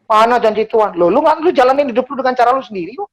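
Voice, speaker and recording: Lively woman preaching. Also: high voice, very fast. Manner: animated, switching between Indonesian and English. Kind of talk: sermon.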